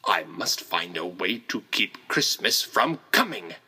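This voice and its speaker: A man's voice: on the high side, wildly swooping pitch, unhurried, a bit bright, slightly rough, exaggerated voice. A man voicing a scheming, vain male trickster god in a Santa disguise, sneering and gloating, then turning falsely sweet, in a storybook reading. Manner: sneering, gloating, turns to sugary fake sweetness.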